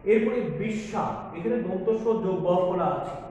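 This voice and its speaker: A man's voice: high voice, normal speed, darkish tone. A man teaching a college Bengali class in a recorded lecture, patient and repeating each point for his students. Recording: echoey, dull lo-fi room recording with long reverb.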